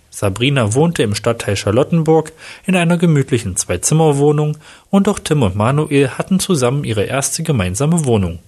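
A man reading a crime story aloud in an even, steady storytelling voice. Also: on the high side. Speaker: narrator.

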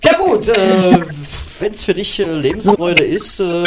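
A man hosting a live radio chat show, talking haltingly with many fillers and restarts. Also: sits high, sing-song, crowd noise. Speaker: radio host.

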